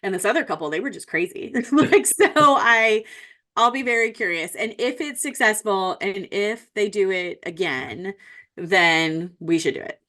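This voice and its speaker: A woman's voice: mid-range voice, animated, measured pace, pushed and bright. A woman co-hosting a podcast in casual chat, rambling and laughing often. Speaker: podcast co-host.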